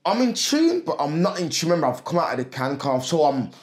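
A man's voice: fairly high pitch, sing-song, fast. A man telling stories in a casual, slangy way as a podcast guest, often repeating himself. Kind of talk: casual storytelling chat. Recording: roomy echo.

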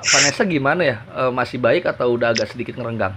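An interviewer asking quick prompting questions in a casual chat. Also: medium pitch, crowd noise.

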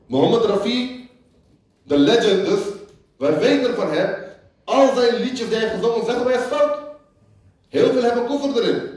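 A man's voice: extremely high pitch, normal speed, pauses often, a little mellow. A man giving a sermon as a religious lecturer, who repeats lines for emphasis and half-sings quoted lyrics. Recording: echoey hall, voice picked up from far off.

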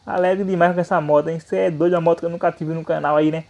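A man's voice: a little high, fairly even intonation, fast, creaky, darkish tone. Hyped young Brazilian man vlogging. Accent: Brazilian Portuguese. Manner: hyped, slangy, repeats tag words like "né" and "hein". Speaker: motovlog host. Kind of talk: excited vlog commentary.

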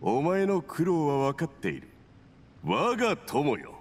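A man's voice: fairly high pitch, very animated, measured pace, a little hiss or hum. A man voicing a smug, domineering villain envoy in an anime game, with a pompous, condescending and insinuating manner. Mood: condescending praise.

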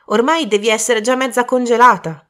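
An eager young prankster, as a woman narrator plays him, raised well above her own pitch. He talks loudly and excitably. His lines come across flustered and apologetic. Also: a little fast, close to an everyday voice. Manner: high, loud and excitable.

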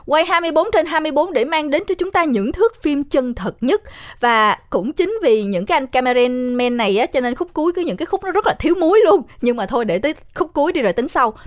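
A woman's voice: sits high, expressive, fast talker. A young woman, retelling a horror film in a chatty way, talking straight to her listeners. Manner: chatty, addresses listeners directly. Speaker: storyteller recapping a horror film. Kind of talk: casual spoken retelling.

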